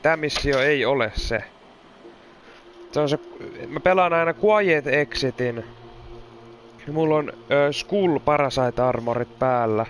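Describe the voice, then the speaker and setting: A man's voice: mid-range voice, pauses often, slight background noise. A man commenting on his gameplay, frustrated and swearing constantly, mixing in English words. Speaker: gamer.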